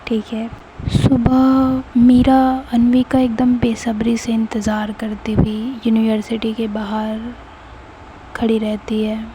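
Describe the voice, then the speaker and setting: A woman calmly narrating an audio story. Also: fairly high pitch, slow, noisy background.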